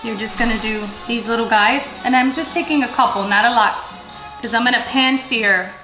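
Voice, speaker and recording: Music plays in an echoey home kitchen as a cooking channel host from the Dominican Republic jokes around with her audience and the nearby children. She speaks at a moderate pace in a slightly high voice.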